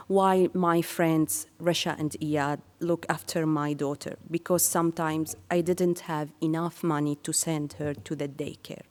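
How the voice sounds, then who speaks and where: Woman, from Syria, low voice, slow earnest prepared speech, reverberant hall. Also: a little mellow. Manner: slow and measured, with earnest pauses. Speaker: speaker sharing her career story.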